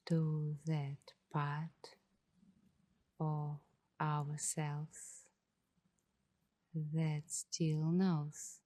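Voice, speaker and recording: A woman's low, hushed voice, partly whispered, carries meditative ASMR narration in short bursts broken by long pauses. The recording is dry.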